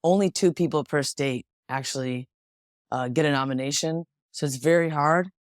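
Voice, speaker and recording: A young woman, a professional boxer from Washington State, speaks as a guest in a casual interview, reflective and often restarting her sentences. Her voice sits low and her pace is normal. The studio-quality recording has no room sound.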